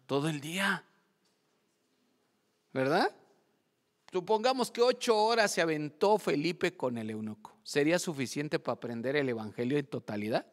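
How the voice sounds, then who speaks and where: A male pastor, speaking in a fairly high voice. He preaches a church sermon and keeps quizzing his listeners with call-and-response questions. His voice carries a long reverb from a church hall. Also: expressive, normal speed, long pauses. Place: church service.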